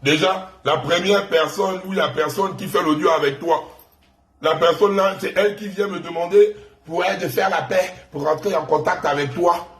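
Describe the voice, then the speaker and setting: A man's voice: sits high, moderate pace, fairly bright tone, echoey room. A man with a Gabonese French accent hosting an online live stream, taunting and insulting a rival in a mocking, repetitive rant.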